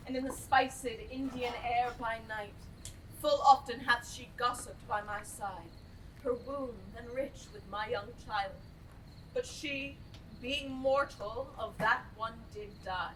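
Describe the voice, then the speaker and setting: A proud, wrathful fairy queen acted by a woman declaims Shakespearean verse in a hammy stage manner. She takes her time, and her high voice is picked up from a distance with some noise. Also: a bit bright. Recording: distant mic, noisy stage recording.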